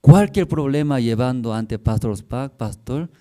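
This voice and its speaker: Slow, mellow male pastor preaching. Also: medium pitch, animated. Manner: simple, halting Spanish with broken grammar; acts out quoted voices, rising and falling in loudness. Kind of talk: sermon. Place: church service, streamed online.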